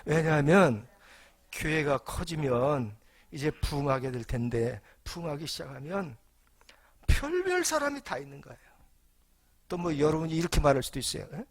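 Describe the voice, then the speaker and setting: An older man, a senior pastor, preaching a sermon in an animated, humorous storytelling way with rhetorical questions. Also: on the high side, normal speed.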